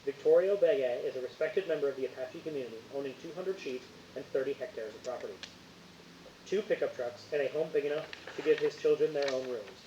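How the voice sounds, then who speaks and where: A fast-talking man with a medium-pitched voice acts as game master, reading out case details and refereeing a tabletop roleplaying game. The home recording is muffled, hissy, and roomy.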